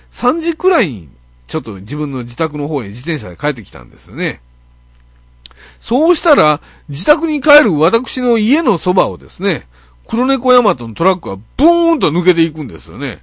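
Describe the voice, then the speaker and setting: A man's voice: on the high side, no room sound. A man with an Okayama accent hosting a net radio show, telling a grumbling, self-mocking story full of fillers. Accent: Okayama Japanese. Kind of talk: casual monologue, comic storytelling.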